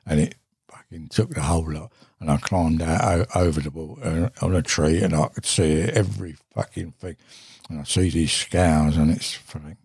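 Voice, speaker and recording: An older man with a very low, husky voice tells a long, rambling tale as a podcast guest. He talks casually and saltily, swearing freely and stopping on fillers. The studio sound is close and dry. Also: darkish tone, dry recording. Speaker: podcast guest, veteran angler. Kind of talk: casual anecdotal storytelling.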